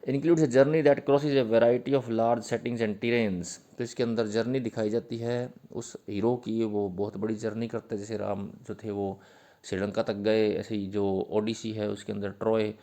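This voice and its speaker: A male teacher giving an exam-prep literature lecture in Hindi mixed with terms. He reads definitions slowly, then explains them patiently with fillers and repetition. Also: lowish voice, vocal fry, mellow. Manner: uses fillers, repeats points patiently.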